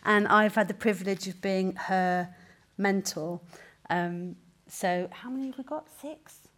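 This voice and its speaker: A woman steps up to introduce a young poet she has mentored, speaking in a mid-pitched, everyday voice. She chats loosely, with small hesitant fillers between her thoughts, inside a cathedral. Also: measured pace, fairly bright tone. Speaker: poetry mentor introducing a reader. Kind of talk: spoken introduction at a reading.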